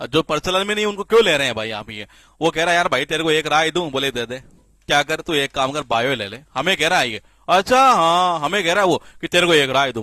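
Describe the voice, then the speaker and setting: A man teaching spelling in a classroom-style lecture, lively and repetitive, often asking the class questions and answering them himself. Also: a little high, dry recording. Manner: lively, repeats questions to the class, frequent filler "ye".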